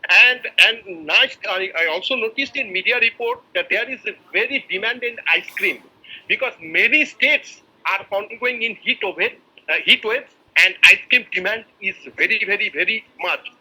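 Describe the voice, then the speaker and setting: A man from India speaks as a shareholder at a company meeting, reading a formal and effusive prepared address over a video call. His voice sits high and sounds very bright and forceful. He pauses on fillers and often restarts his phrases. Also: husky, low-quality recording.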